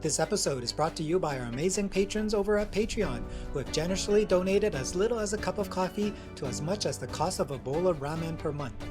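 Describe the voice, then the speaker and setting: A man hosting a podcast reads his scripted introduction at an even, measured pace. His voice sits at a middle pitch, and music plays clearly underneath it. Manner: read from a script, evenly paced. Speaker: podcast host.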